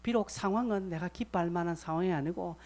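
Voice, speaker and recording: A man pastor preaching a sermon, repeating short commands for emphasis and swinging between loud exhortation and quiet, chatty asides. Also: sits high, fast.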